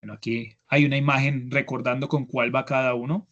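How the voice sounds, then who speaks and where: A man's voice: medium pitch, little pitch movement, brisk, a bit bright, muffled recording. A man with a Colombian Spanish accent teaching English grammar in an online class, explaining step by step and often checking in with "¿listo?". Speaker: English instructor. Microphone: computer mic on a video call.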